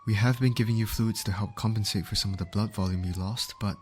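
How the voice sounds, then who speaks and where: In an ASMR comfort roleplay, a low-voiced man lightly acts the part of a gentle medic, sounding concerned and soothing as he attentively coaxes and reassures a hurt patient. He speaks quickly with fairly even intonation, while faint siren and traffic noise play in the background.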